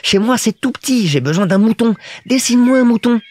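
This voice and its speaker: A man voicing a small, earnest and curious boy prince in an audiobook, speaking high and insistently. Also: expressive, brisk.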